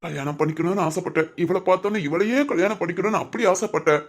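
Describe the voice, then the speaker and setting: A woman voicing a dismissive young husband in a cartoon family drama, talking in a gruff, scolding way. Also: mid-range voice, a little fast, natural voice. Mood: grumbling. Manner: gruff, scolding, self-pitying complaints.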